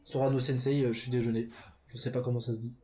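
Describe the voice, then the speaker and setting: A man with a mellow, medium-pitched voice and little pitch movement casts a live esports match, with a little hiss or hum in the audio. He's chatty and loose, full of fillers, and fixes his slips quickly.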